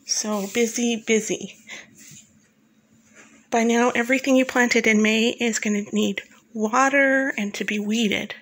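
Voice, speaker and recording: A woman narrating a scripted voice-over guide, speaking in a calm and instructive way and addressing the listener directly. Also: fairly high pitch, measured pace, rough recording. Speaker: flower farmer and channel host.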